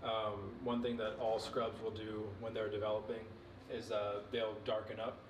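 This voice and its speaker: A young man in his twenties casually showing and explaining snakes in an indoor reptile room, relaxed and knowledgeable, with many fillers. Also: on the low side, moderate pace, far from the mic, slight background noise. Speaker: facility owner giving a tour. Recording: echoey room, off-mic, music behind.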